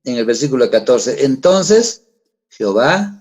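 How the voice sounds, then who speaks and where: Middle-aged pastor preaching conversationally. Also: male voice, medium pitch, big pitch swings, unhurried, a little mellow. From Peru. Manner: conversational preaching with rhetorical questions. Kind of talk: sermon.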